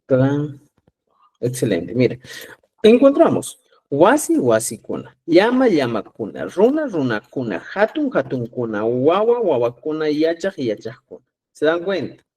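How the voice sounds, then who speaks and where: Male teacher from Peru, patient and repetitive, slightly higher voice, live online class. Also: wildly swooping pitch, measured pace, darkish tone, husky. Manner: patient, repeats "¿ya?" to check understanding. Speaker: Quechua teacher.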